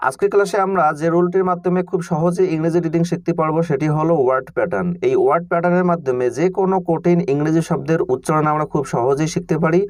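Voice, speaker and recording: Fast-talking male reading teacher. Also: a little high, darkish tone, no room sound, clean studio sound. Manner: spells words letter by letter, then pronounces them slowly; addresses students informally and directly. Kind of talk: online lesson.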